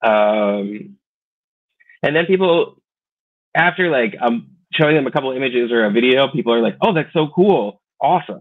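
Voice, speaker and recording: This is a medium-pitched American guy in his 30s, a talkative guest who plays teacher and clown, tossing off playful quick asides. He's on a casual video call interview in a small room indoors. The webcam recording sounds thin and phone-like.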